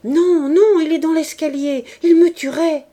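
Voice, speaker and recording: A woman's voice: high-pitched, steady tone, unhurried, mellow, pitched above the performer's own voice. Woman voicing a terrified young wife. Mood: terrified pleading. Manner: pleading, frantic.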